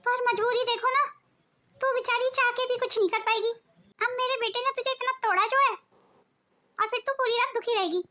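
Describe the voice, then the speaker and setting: A woman voicing a scheming, cruel older mother-in-law in an animated cartoon, with theatrical self-pity and gloating taunts. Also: very high-pitched, a little fast.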